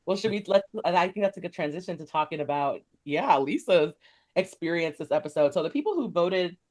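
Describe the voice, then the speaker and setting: A woman's voice: fairly low pitch, fairly quick. A woman co-hosting a podcast, chatting casually and animatedly about a reality show, laughing and acting out what people said. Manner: animated, laughs often, acts out quotes. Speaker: podcast co-host. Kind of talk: casual chat reviewing reality TV.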